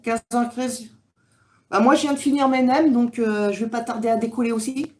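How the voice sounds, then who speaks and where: With a slightly high, darkish voice, a woman from France hosts a casual livestream chat, reading comments and rambling with many fillers. She keeps a steady tone and a moderate pace.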